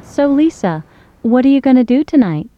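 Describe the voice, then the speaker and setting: A woman playing a young friend who invites someone to a movie, in a scripted language-course dialogue, speaking clearly in a friendly way. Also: high-pitched, sing-song, normal speed, no room sound, dull audio.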